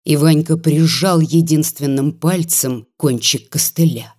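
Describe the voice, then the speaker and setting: A narrator reading classic prose in a measured storytelling manner for an audiobook. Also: medium pitch, darkish tone.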